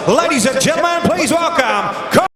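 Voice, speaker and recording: High, bright boxing ring announcer, male. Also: lively intonation, normal speed, some chatter behind. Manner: projected, ceremonial delivery. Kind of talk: boxing ring announcing, formal introductions with drawn-out shouted names. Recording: echoey arena hall over PA.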